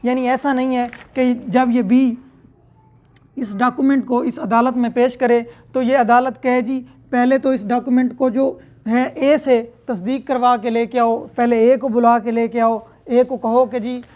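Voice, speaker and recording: A man with a Pakistani accent and a very high-pitched, slightly mellow voice gives a law lecture, unhurried and with little pitch movement. He explains step by step in a didactic manner, mixing in English legal terms, and the lecture audio is dull and lo-fi.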